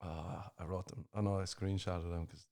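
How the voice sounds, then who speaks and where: A man's voice: low-pitched, steady tone, moderate pace, a little mellow. A man hosting a comedy podcast in casual chat. He swears freely, laughs often and reads tweets aloud. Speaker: podcast host.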